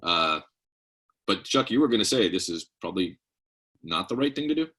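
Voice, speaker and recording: A man co-hosting a webinar on a video call, joking and lively in casual chat. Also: sits low, normal speed.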